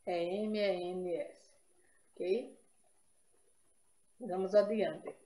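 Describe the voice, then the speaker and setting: A woman's voice: on the low side, steady tone, drawn-out words, warm tone, roomy sound. A woman from Brazil teaching an exam-prep grammar lesson, explaining step by step and checking in with her listeners.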